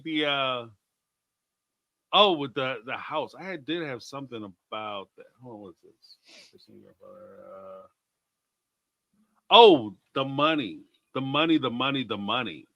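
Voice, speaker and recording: Male co-host, jokey and animated, bright, lively delivery, dry close mic. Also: mid-range voice, no echo. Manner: jokey, animated, reads viewer messages aloud. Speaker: co-host of a reality TV discussion stream. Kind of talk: casual live-stream chat.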